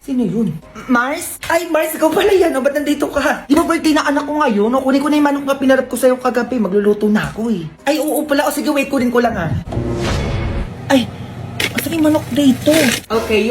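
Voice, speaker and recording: Loud scolding woman in skits. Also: high-pitched, fairly quick, echoey room, background noise. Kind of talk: comedy skits playing several characters.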